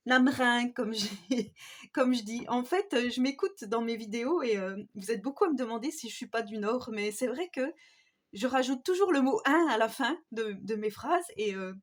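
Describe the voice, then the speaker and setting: A woman's voice: a little high, expressive, normal speed. A woman from Haute-Marne with a marked regional French accent, chatting hesitantly through a craft tutorial and often adding "hein". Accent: Haute-Marne French with Swiss border touches. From Haute-Marne, France. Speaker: craft YouTuber. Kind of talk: casual DIY tutorial talk.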